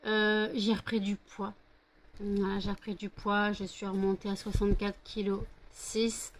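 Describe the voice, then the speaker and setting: A woman's voice: medium pitch, little pitch movement, unhurried. A woman from France chatting casually in a vlog, rambling with many fillers and cooing baby talk to her dogs between remarks. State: sleepy and hot. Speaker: vlogger.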